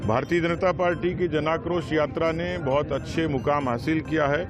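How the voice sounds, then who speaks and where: A man's voice: fairly high pitch, fairly even intonation, normal speed, over music. A man giving a confident, assertive statement to the press as a party spokesman.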